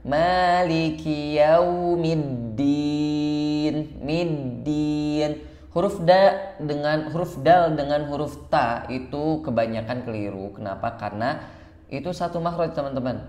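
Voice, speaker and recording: A man's voice: on the high side, darkish tone, reverberant. Indonesian man teaching Quran recitation. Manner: alternates slow drawn-out chanting with quick explanations. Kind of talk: online recitation lesson.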